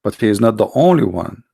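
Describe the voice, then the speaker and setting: Gravelly, tired-voiced man lecturing. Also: fairly low pitch, mellow, dry recording, studio quality. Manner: emphatic, rhetorical questions, halting restarts. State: tired, strained voice. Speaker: religious apologist. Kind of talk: lecture on scripture.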